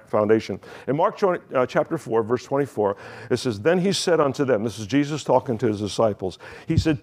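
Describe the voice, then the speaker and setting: Speaking in a mid-range, somewhat mellow voice, a pastor delivers his sermon like a conversation, putting questions to the congregation and often restarting what he was saying.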